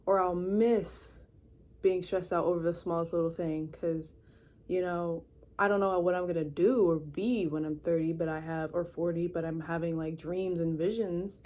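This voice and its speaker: A woman's voice: on the low side, steady tone, moderate pace, warm tone. A 23-year-old woman rambling casually to camera in her room, chatty, with lots of fillers and restarts. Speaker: vlogger. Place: her own room indoors.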